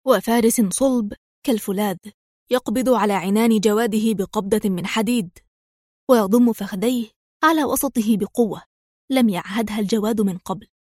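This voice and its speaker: A woman narrating an adventure story in a steady, scripted reading. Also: a little high, dry recording, clean studio sound.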